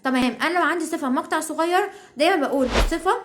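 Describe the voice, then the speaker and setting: Fast-talking Egyptian woman teacher. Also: high voice, background noise. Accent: Egyptian Arabic. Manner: chatty, keeps checking understanding. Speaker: English grammar teacher. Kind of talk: online grammar lesson.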